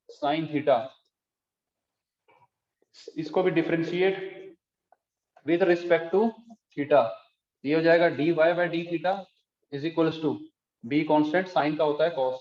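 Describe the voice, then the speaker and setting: A man teaching calculus to a class, explaining step by step and often asking if students follow. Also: fairly high pitch. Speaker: math teacher. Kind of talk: classroom lecture. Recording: echoey room, dull lo-fi sound.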